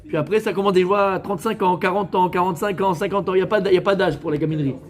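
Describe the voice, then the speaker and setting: High-voiced man giving a joking sermon. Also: steady tone, racing. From France. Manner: joking, conversational, talks straight to listeners; mixes in Hebrew religious words. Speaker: rabbi. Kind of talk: lively sermon to a live audience.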